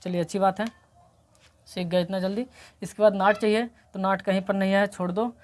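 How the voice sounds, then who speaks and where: A woman, with a slight cold, walks her students through an English grammar lesson step by step. She keeps repeating key points and checking that everyone is following. Her voice sits in a middle pitch and is recorded close to the mic. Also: steady tone, normal speed, a little mellow. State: coming down with a cold. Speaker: English teacher.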